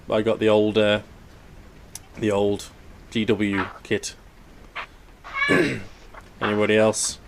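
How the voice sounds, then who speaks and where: A man's voice: mid-range voice, noisy background. A man hosting a casual hobby chat, handing questions to the other guests. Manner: relaxed, asks the others questions. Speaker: host.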